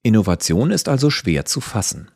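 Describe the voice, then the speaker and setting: A man giving a measured, scripted reading of a written essay. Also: fairly low pitch, very animated, vocal fry, a little mellow, slightly rough, dry recording, clean studio sound. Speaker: article reader.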